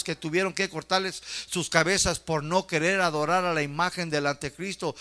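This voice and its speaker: A man's voice: high voice, sharp tone, smooth. A man preaching a fervent sermon, asking his listeners questions and addressing them again and again as brothers.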